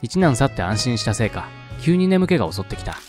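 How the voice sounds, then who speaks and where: Male narrator for horror readings, lively pitch, chatty asides. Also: fairly quick, faint music behind. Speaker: reader of a horror game's story. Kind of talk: reading aloud with casual asides.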